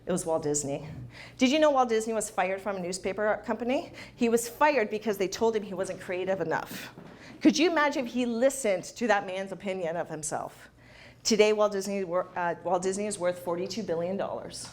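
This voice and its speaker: A woman's voice: medium pitch, lively intonation, a little fast. A woman giving a motivational talk to a live audience, emphatic and repeating key phrases for effect. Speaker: motivational speaker. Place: event hall.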